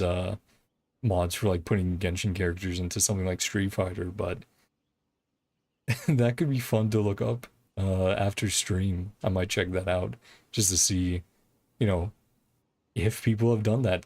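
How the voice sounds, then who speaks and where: A livestream host plays a game while offering casual, chatty commentary, sounding easily amused. The voice sits low and is a little slow and mellow, with no room sound and video game music behind it.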